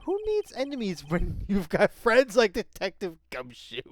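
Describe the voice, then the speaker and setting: A player voicing a gruff, bumbling male police detective in a lowered, tough-guy drawl while reading game dialogue aloud with friends. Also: huge pitch swings, moderate pace. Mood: chummy, loyal.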